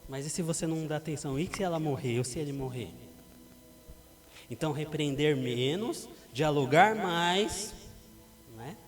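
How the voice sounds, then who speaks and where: Man, middle-aged, Brazilian Portuguese accent, animated sermon, fairly high voice, music playing behind. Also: moderate pace. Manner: animated, acts out parents and teens. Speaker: pastor. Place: church hall. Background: background music.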